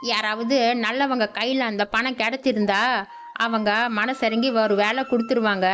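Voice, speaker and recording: A woman's voice: on the high side, fairly bright tone, natural voice. [name], a woman doing a scolding village lad. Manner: scolding, lecturing. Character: concerned scolding young village man. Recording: dull lo-fi audio with background music.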